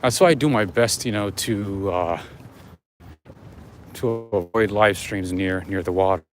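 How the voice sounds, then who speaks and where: A man's voice: deep voice, a little slow. A man walking and talking outdoors, rambling casually to viewers as he livestreams. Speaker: live streamer. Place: outdoors on an urban waterfront. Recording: outdoor urban ambience, traffic noise.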